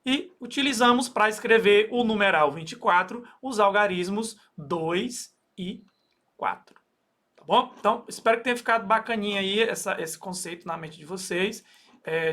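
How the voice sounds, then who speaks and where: In a high-sitting, fairly bright voice at a moderate pace, a Brazilian man walks through a recorded math lesson. His Brazilian Portuguese accent is clear as he goes step by step, with lots of fillers and frequent "okay?" checks.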